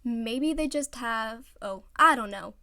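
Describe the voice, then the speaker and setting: A woman voicing an exasperated, blunt teenage boy who fires back loud, gruff retorts. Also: a little high, slow pace, no echo, clean studio sound, exaggerated voice.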